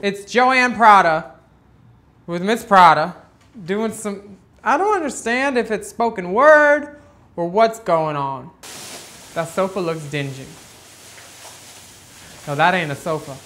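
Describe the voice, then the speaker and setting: A man talking as a sassy, campy drag queen host, giving catty comic commentary on video clips in a bright, high-placed voice. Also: slow pace, long pauses. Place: photo studio with grey backdrop.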